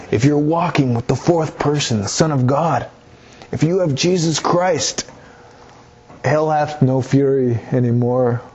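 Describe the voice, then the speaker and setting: Reading from scripture and then explaining it, a preacher speaks with a medium-pitched, darkish, slightly rough voice. He is earnest, repeats phrases often, and appeals directly to his listeners. The recording is lo-fi and a bit dull.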